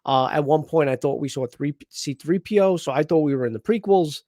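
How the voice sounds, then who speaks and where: A man hosts a casual live chat, speaking briskly in an animated, rambling manner full of restarts. His voice is a bit high, and the audio is dry and close with no room echo.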